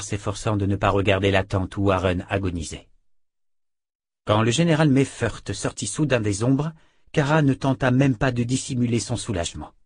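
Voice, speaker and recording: A man reading a novel aloud in a measured, even way. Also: lowish voice, no echo. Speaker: audiobook narrator. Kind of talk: scripted narration.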